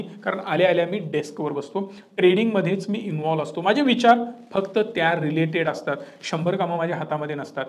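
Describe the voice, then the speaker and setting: Male trading educator from Maharashtra, higher-pitched, emphatic and lecturing, speaking straight to viewers. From Maharashtra, India. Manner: emphatic, lecturing, mixes English terms. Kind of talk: direct-to-camera trading talk.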